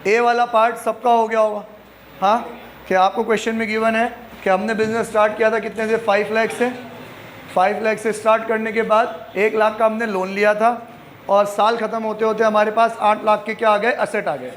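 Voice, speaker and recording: A man's voice: high voice, flat delivery, brisk, slight background noise. A man teaching an accounting class, asking questions and answering them himself, mixing English terms into Hindi and teasing his students. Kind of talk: classroom lecture.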